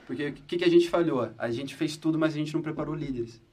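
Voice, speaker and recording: A man's voice: a little high, fast talker, distant mic. A man in his twenties telling a story in a casual chat, acting out quoted voices. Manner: animated storyteller, acts out quotes. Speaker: podcast guest.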